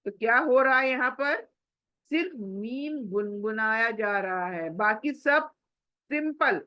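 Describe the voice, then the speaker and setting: A woman's voice: on the high side, animated, takes it slowly, pushed and bright, no room sound, dull audio. A woman tajweed teacher who patiently repeats examples, hums the letters and asks questions she then answers herself. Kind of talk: recorded Quran recitation lesson.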